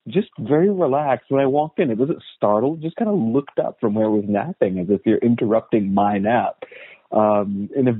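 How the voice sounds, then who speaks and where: A man's voice: mid-range voice, husky, no room sound. A man from the United States, a guest historian, talking in a casual interview with a thoughtful, storytelling manner and many restarts. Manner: thoughtful storyteller, frequent "uh" and repeated words. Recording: tinny phone-like line, dry.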